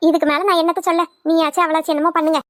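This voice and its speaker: A woman doing a sharp-tongued old mother-in-law. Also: very high voice, flat delivery, rapid-fire, dry recording, clean studio sound. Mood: indignant. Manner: scolding, nagging, grumbling. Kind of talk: cartoon voice acting.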